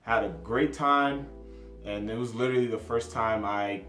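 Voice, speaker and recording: A man's voice: medium pitch, normal speed, fairly bright tone, echoey room, soft background music. A man in his twenties from New Jersey, chatting casually to camera in his first vlog, self-deprecating and hopping from topic to topic. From New Jersey, USA. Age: 20s. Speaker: vlogger.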